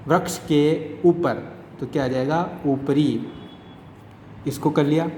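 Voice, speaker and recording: A man's voice: medium pitch, a little mellow. Echoey male teacher. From India. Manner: explains Sanskrit line by line with Hindi glosses, keeps asking "ठीक है". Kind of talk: online class lesson. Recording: echoey room with faint hiss.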